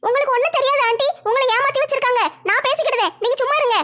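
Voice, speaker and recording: A woman playing a sharp-tongued young daughter-in-law in a family comedy skit, shrill and scolding. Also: racing. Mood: taunting.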